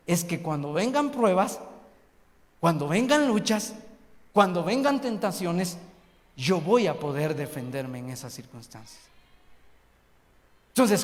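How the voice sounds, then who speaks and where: Man, sermon, high-pitched, fervent preaching, rhetorical questions, echoing church hall. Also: fairly bright tone. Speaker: missionary preacher. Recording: long echo of a hall.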